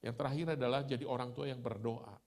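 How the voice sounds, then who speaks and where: Gravelly middle-aged man preaching casually. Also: medium pitch, steady tone, fast, darkish tone. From Indonesia. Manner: storytelling, chatty, laughs at himself. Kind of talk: conversational sermon.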